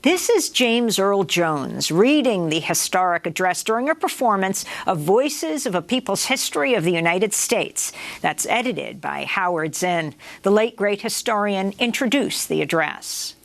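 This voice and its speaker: A woman's voice: mid-range voice, expressive, unhurried, creaky, hardly any pauses, dry recording. A woman presenter reading a scripted broadcast introduction.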